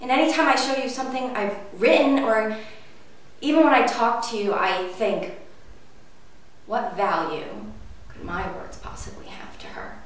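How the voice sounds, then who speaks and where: A woman in her twenties acting a dramatic monologue as an anxious, hurt young woman, halting and earnest, with pauses. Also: fairly high pitch, close to an everyday voice. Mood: anxious, flustered. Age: 20s. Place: indoor room with blue backdrop. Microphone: distant camera microphone. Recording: very echoey room, distant mic, faint noise.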